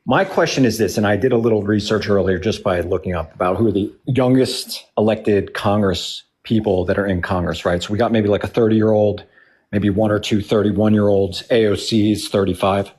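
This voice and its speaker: A man's voice: fairly low pitch, moderate pace, darkish tone. A man in his forties arguing his point in a heated political discussion, blunt and emphatic, repeating himself and swearing. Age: 40s. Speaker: debate participant.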